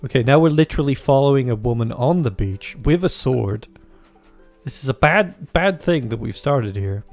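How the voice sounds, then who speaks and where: A man's voice: mid-range voice, expressive, normal speed, darkish tone. A man giving casual, crude, joking commentary while playing a farming game, rambling and often restarting his sentences. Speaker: gaming video host. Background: faint game music.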